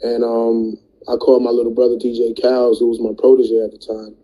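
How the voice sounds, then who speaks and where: Dark, husky-voiced man chatting casually. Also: medium pitch, completely flat delivery, brisk, low-quality recording. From New Jersey. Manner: laid-back, slangy, many "you know what I mean"s. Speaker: music artist and producer, guest. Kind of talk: casual interview talk.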